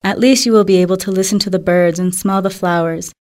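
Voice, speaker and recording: A woman's voice: fairly low pitch, fairly even intonation, fast, a little mellow, natural voice. A woman voicing a caring grandmother in a storybook reading, speaking in a soothing, reassuring way.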